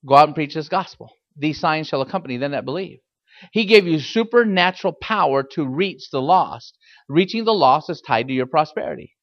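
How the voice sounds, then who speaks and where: A man's voice: fairly high pitch, expressive, a little fast, highs cut off. A man preaching a fiery sermon as a pastor, emphatic and exhorting, repeating phrases and putting pointed questions to his listeners.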